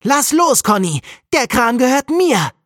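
A woman voicing an upset little boy who shouts and whines in a storybook reading. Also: very animated, measured pace, no echo, clean studio sound. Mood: angry, whiny. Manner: shrill shouting, whiny.

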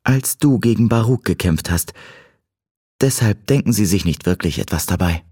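A man's voice: fairly low pitch, lively intonation, moderate pace, mellow, breathy edge, no echo, voice pushed up. A man voicing a sarcastic, teasing teenage girl in an audiobook, raising his voice to play her. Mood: casual, dry. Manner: dry, teasing, lightly mocking. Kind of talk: audiobook character voice.

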